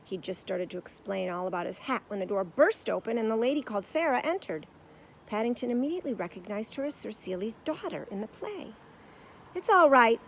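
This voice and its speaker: A woman's voice: medium pitch, expressive, fairly quick, a little mellow, a little hiss or hum, rough recording. Woman reading a storybook aloud. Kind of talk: storybook read-aloud narration.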